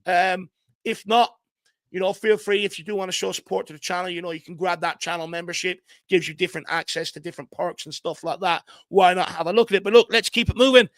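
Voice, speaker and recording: A man's voice: high voice, steady tone, fast, a bit bright, dry recording. A man hosting a casual football live stream. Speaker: host.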